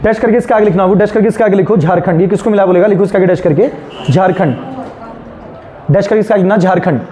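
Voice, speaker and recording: A man's voice: high-pitched, fast, mellow. A male teacher with an Indian accent dictating notes to a class, repeating each phrase for students to write and mixing in English terms. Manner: mixes Hindi with English terms; asks questions and answers them himself. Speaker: teacher of a current affairs exam class.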